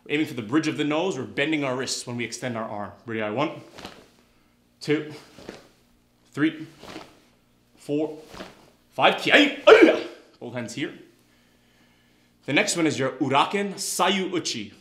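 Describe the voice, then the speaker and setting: A man teaching a karate class, calling out counts and techniques and shouting kiai. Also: medium pitch, unhurried, long pauses. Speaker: karate instructor. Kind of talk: instructional class video. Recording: echoey room.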